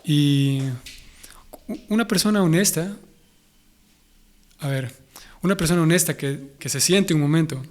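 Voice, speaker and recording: A man's voice: fairly high pitch, measured pace, pauses often. A young man with a Honduran Spanish accent, a guest in an interview, speaking thoughtfully and often restarting as he searches for words. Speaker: interview guest, Hare Krishna devotee. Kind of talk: conversational interview.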